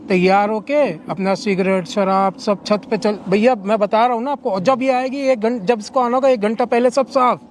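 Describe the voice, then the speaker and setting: A man's voice: sits high, steady tone, normal speed, few pauses, a little hiss or hum. Older man airing pleading complaints. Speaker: complaining father.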